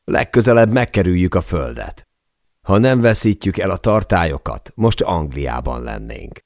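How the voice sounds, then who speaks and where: A man's voice: low-pitched, sing-song, gravelly, a little mellow, dry recording, studio quality, full character voice. A man voicing a joking adult male balloonist companion with a teasing, playful manner in an audiobook reading.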